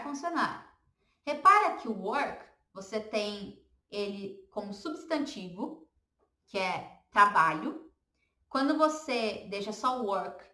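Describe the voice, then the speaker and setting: A woman with a Brazilian Portuguese accent leads a beginner English class, patiently repeating each word so learners can echo it. Her voice is bright and crisp, at a middle pitch. The room around her adds a noticeable echo. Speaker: English teacher. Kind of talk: beginner language lesson.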